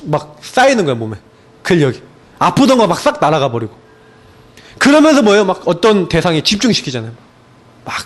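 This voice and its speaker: A middle-aged male pastor preaching a sermon in a lively, conversational way, often asking rhetorical questions of the congregation. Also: high-pitched.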